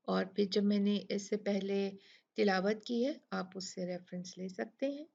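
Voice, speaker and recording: A woman's voice: mid-range voice, vocal fry, dark tone, highs cut off. A woman with a Pakistani Urdu accent teaching recitation rules, patiently repeating sounds to demonstrate them. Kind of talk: Tajweed lesson explaining rules.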